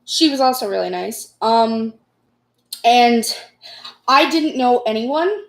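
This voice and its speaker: Casting: young female vlogger, American accent, fairly high voice, rambling self-mocking storyteller, echoey room sound. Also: animated, takes it slowly, vocal fry. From United States. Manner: rambling, self-deprecating, giggly. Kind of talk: casual personal storytelling.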